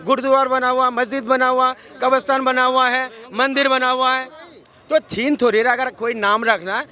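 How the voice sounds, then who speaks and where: Speaking at a moderate pace with a very high pitch and a level tone, this man sounds bright and forceful. He is outdoors on a city street, pressing his point in a heated interview and interrupting to get a word in. Onlookers crowd the background.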